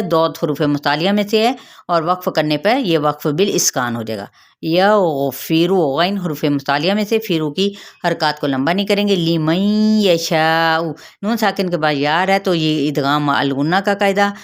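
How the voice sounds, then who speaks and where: A woman teaching a Quran recitation lesson, explaining each rule step by step, checking that listeners follow and slowly chanting the verses. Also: fairly low pitch. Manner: slow drawn-out chanting of verses. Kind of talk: tajweed lesson.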